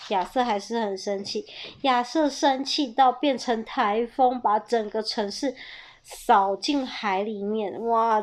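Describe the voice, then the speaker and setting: A woman reads a picture book aloud to young listeners with playful, animated delivery. Her voice sits a little high, and she rises into loud bursts whenever a character shouts. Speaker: storyteller reading a picture book to children.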